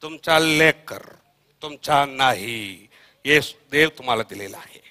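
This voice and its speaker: A man with a Marathi accent preaching a Bible study sermon, echoing verses after a reader and swinging between soft murmurs and loud shouted calls. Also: medium pitch, lively intonation, measured pace. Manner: repeats verses line by line after the reader, prompting with "हा". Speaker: pastor.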